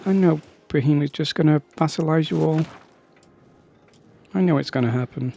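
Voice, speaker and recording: A man's voice: fairly high pitch, normal speed, gravelly, warm tone, slight background noise. A man casually commenting on his own strategy game, rambling and breaking off into chatty asides.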